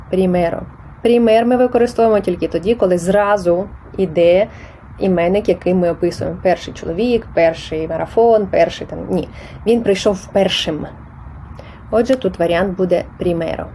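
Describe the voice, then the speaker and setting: A woman talks through Spanish grammar questions like a patient teacher, pausing and correcting herself as she goes. Her voice is mellow and warm, sitting at a middle pitch, with a faint hiss of noise behind it. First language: Ukrainian. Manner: patient, explanatory, with small hesitations. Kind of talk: explaining test answers.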